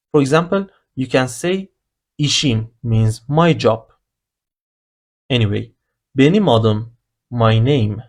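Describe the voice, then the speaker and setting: A man's voice: mid-range voice, a little mellow. A man teaching beginner grammar, explaining the rules patiently one step at a time. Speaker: language teacher. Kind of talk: slow explanatory lesson narration.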